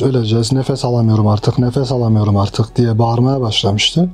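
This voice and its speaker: A young man calmly and reflectively recounting his time trapped under rubble, in a measured testimony. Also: fairly high pitch. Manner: calm, reflective, measured retelling. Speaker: earthquake survivor. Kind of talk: personal testimony interview.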